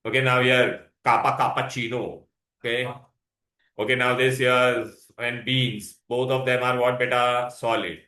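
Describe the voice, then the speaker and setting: A man's voice: medium pitch, flat delivery, a little slow, pushed and bright. A man with an Indian accent teaching an interactive science lesson, mixing Hindi words into English and often asking questions to prompt answers. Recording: echoey, roomy sound.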